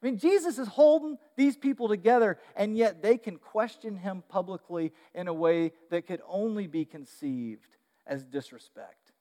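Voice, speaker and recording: A man preaching a sermon, telling the story in an animated way with frequent fillers and restarts. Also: high-pitched, normal speed, long reverb tail.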